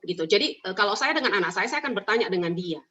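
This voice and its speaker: A woman giving parenting advice in an emphatic, animated way, repeating her key points. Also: mid-range voice, very fast, a little hiss or hum. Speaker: parenting speaker. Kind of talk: advice talk answering questions. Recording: muffled lo-fi recording.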